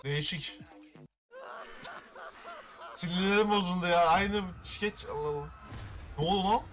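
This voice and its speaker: A young man giving casual reaction commentary, with loud startled exclamations and constant swearing. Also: high voice, a little slow. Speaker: reaction video creator.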